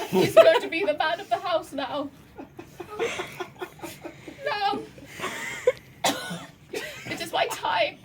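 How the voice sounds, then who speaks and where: A woman playing a melodramatic dying garlic creature in a comic musical, gasping out grand farewells like a mortally wounded soldier. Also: high-pitched. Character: melodramatic dying garlic creature, the professor's self-declared arch-enemy. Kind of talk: theatrical comic musical acting. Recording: distant mic, loud background noise.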